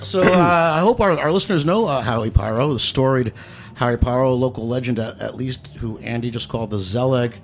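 A man's voice: medium pitch, a little fast, slight background noise. A man hosting a talk show with playful, hyperbolic, casual comic banter.

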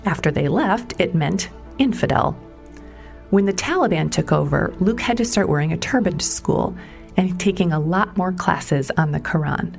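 A woman reporter narrating a documentary story in a measured storytelling way, sometimes stressing questions. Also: fairly low pitch, animated, creaky. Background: music underneath.

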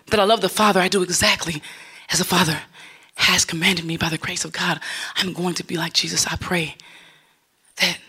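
A woman's voice: fairly low pitch, fairly even intonation, normal speed, pushed and bright, slightly rough. A woman from Los Angeles performing a rhythmic spoken word prayer, later introducing herself on a panel. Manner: rhythmic, builds to passionate singing. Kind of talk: spoken word poem with sung hymn.

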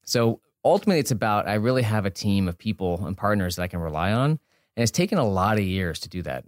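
A man in his forties, a business author appearing as a podcast guest, speaks in a fairly low, animated voice at a quick pace. He's informal and self-effacing in this casual interview, rambling a little as he explains things. The recording is clean studio sound from an indoor studio, with no room sound.

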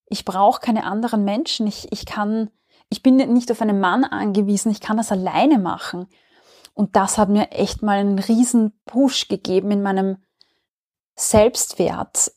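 A woman's voice: mid-range voice, darkish tone. A woman telling a personal story in conversation, candid and emotional, often restarting her sentences.

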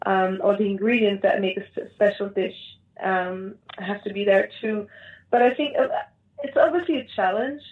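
A woman with a North African accent answering interview questions in a conversational, explanatory way, often pausing and repeating words as she thinks. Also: mid-range voice. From Morocco. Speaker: interview guest, Moroccan food cook. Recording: thin, phone-like call audio.

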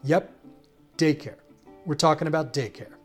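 A male reporter narrates a sports feature in a steady, scripted read. His voice sits a little high for a man, with faint guitar music playing underneath. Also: normal speed.

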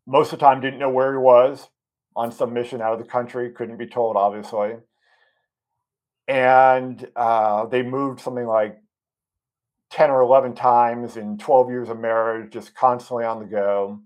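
A man at a medium pitch, speaking as an interview guest. He tells a story earnestly, stopping and restarting often with plenty of ums. He sounds moved by what he is recounting. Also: little pitch movement, a little slow, darkish tone. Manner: emotionally moved while recounting.

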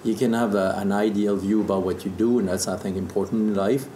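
A warm, lowish voice with a steady tone and a fast delivery belongs to a distiller in his fifties from southern Burgundy, France. As an interview guest he tells stories casually in French-accented English, recorded in an echoey room with background noise.

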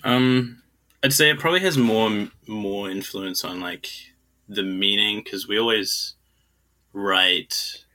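A man's voice: fairly low pitch, slow pace, bright, forceful tone. A young man from New Zealand who grew up in China, a guest musician chatting casually in an interview, hesitant and rambling with many fillers. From New Zealand, raised in China.

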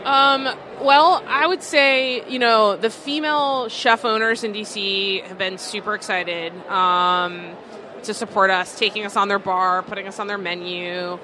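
A woman's voice: mid-range voice, steady tone, a little slow, bright, forceful tone. A woman co-owner of a distillery talks loosely, full of fillers. Her voice sits mid-range. Market noise runs steadily behind her. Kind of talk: casual interview answers. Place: busy food market. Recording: noisy market background.

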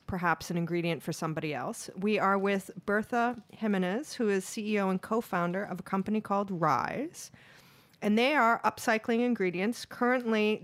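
A woman's voice: medium pitch, no echo. Woman hosting a radio food show, casual and jokey, dry studio sound. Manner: chatty, jokey, talks while eating.

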